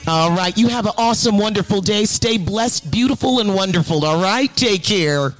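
A man's voice: sits high, lively intonation, moderate pace, faint music behind. A man hosting a morning radio call-in show, chatting effusively with callers and repeating his phrases. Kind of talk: upbeat radio chat with callers.

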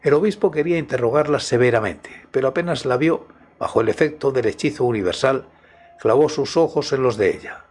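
A man with a husky voice narrating scripted tales as the host of a story programme. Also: medium pitch, fairly quick, darkish tone. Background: music.

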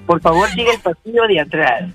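A man's voice: high voice, animated, brisk, music in the background. A radio host jokingly voicing a male airline captain making a cabin announcement, in a mock-formal announcer delivery.

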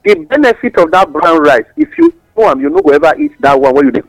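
A man's voice: fairly high pitch, wildly swooping pitch, fast, vocal fry, dry recording, poor audio. A man with a Nigerian accent explaining things in West African Pidgin English, teaching through examples and rhetorical questions as a radio guest giving advice.

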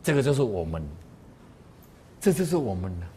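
A man's voice: medium pitch, moderate pace, a little hiss or hum. A man giving a moral lecture to a class, telling stories in a colloquial way full of sentence particles. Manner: animated colloquial storytelling with frequent sentence particles.

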